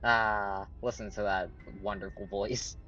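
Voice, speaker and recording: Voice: low voice, fairly even intonation, unhurried, bright, forceful tone, dull audio, faint music behind. A playful, chatty streamer giving casual commentary on a game.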